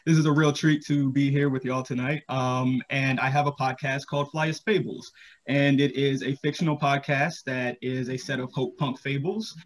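An American man in his thirties from Charlotte, North Carolina, a podcast creator, talks casually as a guest panelist on a video call from a room in his home. His medium-pitched voice has fairly even intonation at normal speed.

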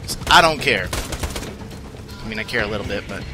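A man's voice: fairly low pitch, expressive, fairly quick, music in the background. A man hosting a gaming video, giving casual let's-play commentary, rambling and joking as he plays. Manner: rambling, joking, talking to himself. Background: game gunfire.

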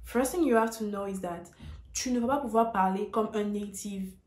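A woman's voice: mid-range voice, moderate pace, a little mellow, reverberant. A woman giving a casual video lesson, talking straight to her viewers in an emphatic, direct way. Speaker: English tutor on video.

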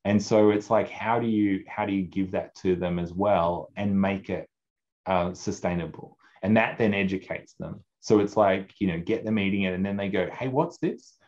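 A man's voice: low voice, normal speed. A man in his forties, a food advocacy guest, talking casually and animatedly on a video call, acting out the people he quotes. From Australia. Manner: animated, acts out quoted people, many restarts. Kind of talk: casual conversational interview. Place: home office, indoors. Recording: dull lo-fi video call audio.

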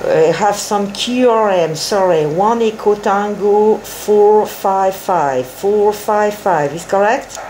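A woman runs amateur radio contacts at a slow pace. She gives phonetic call signs and short signal reports, repeating each to confirm, with faint noise around her medium-pitched voice. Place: indoors at a desk with radio set.

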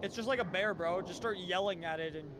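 A man's voice: sits high, background noise. A young man explaining a video game to friends in casual voice chat, urging them on. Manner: quick, instructive, urging others on. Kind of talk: casual voice chat while gaming.

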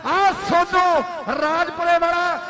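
A man with an Indian Punjabi accent giving excited rural kabaddi commentary in a declamatory, hailing manner. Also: very high voice, takes it slowly, a crowd in the background.

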